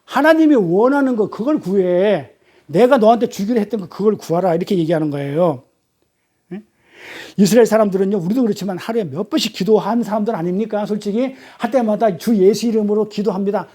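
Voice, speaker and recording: A man's voice: sits high, a little fast, mellow. A man teaching a Bible study sermon, questioning his class and repeating key phrases.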